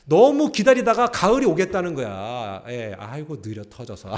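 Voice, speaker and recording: A male pastor delivering a sermon in a fairly high voice that rises and falls a great deal. He jokes freely and keeps quizzing the congregation. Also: moderate pace. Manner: animated and joking, quizzing the congregation. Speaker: senior pastor.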